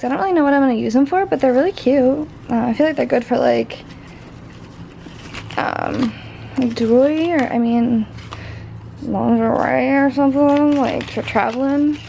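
A woman's voice: sits high, gravelly, dark tone, a little hiss or hum, rough recording. A young woman rambling through a casual vlog unboxing, chatty and full of "like". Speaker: beauty vlogger.

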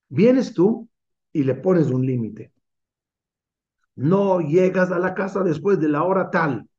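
A man's voice: a little high, mellow, lo-fi sound. A man teaching as a rabbi in an online class, driving his points home with many rhetorical questions. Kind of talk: Torah class over video call.

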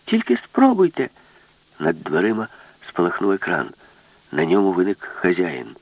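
Low-voiced male audiobook narrator. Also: lively intonation, moderate pace, no echo, dull audio. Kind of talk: scripted narration.

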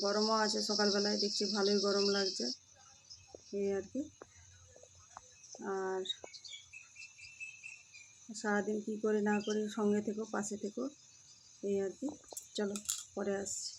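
An Indian woman vlogger, hot and tired from the heat, chats casually in a daily vlog while giving a running commentary on her chores in her home's kitchen and rooms. Her mid-range voice is completely flat, a little slow, with long pauses, and there's background noise.

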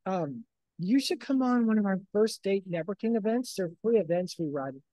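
An interview host asking quick, friendly questions in a casual chat. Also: mid-range voice, animated, dark tone, dry recording, rough recording.

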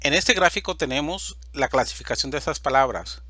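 A man gives a slide-based grammar lesson in a bright, forward voice, recorded close and dry with no room sound. He speaks slowly and deliberately, and each example word comes out louder than the rest. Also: mid-range voice, animated, dry recording. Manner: slow, deliberate, stresses example words loudly. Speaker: Spanish teacher.

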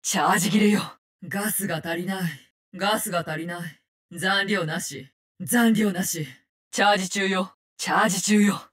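Her mid-range voice, a bit bright and close to an everyday one, moves at normal speed as she plays a cold, vengeful assassin who uses poison in a Japanese-dubbed video game. The lines are curt, contemptuous, and commanding, with a curt, tactical mood.

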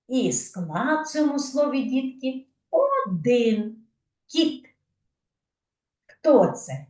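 A woman teaching young children, speaking slowly in a sing-song way and stressing syllables carefully. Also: medium pitch, darkish tone. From Ukraine. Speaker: kindergarten teacher. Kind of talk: slow, clear lesson for young children. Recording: echoey room, mic far off.

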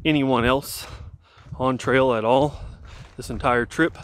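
The sound is studio quality with no room sound as a man in his thirties, medium-pitched and slow, vlogs while walking downhill on a mountain trail. Camera at arm's length, he chats in a relaxed, rambling way with fillers and restarts.

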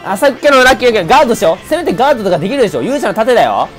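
A man giving excited, shouty commentary on a video game he is playing. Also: sits high, very fast. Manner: loud excitable outbursts and yelps. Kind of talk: excited let's-play commentary. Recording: faint background music.

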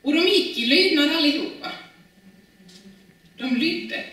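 A woman's voice: high-pitched, lively intonation, sharp tone, heavy reverb, recorded from a distance, low-quality recording. A woman preaching a sermon in a church, talking in a conversational way with many fillers and restarts.

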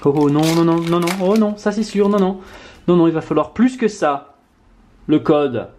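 A man vlogging at home as he opens trading card packs, talking casually and swinging between low mutters and loud excited outbursts. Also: normal speed. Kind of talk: casual card-opening vlog. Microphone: camera mic on tripod.

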